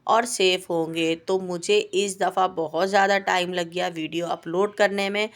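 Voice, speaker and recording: A home baker with a sore, coughing throat records a voice-over vlog chat for her cooking channel on a home voice-over mic. Her voice is lowish and steady at a normal speed, while her talk is plaintive, complaining, and rambling, with hesitations.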